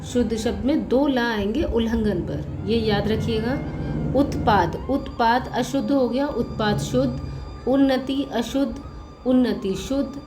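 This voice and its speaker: A woman college professor with a fairly high voice gives a spelling lesson at a moderate pace, patiently going through correct and incorrect words and repeating each. The room is echoey, with faint music.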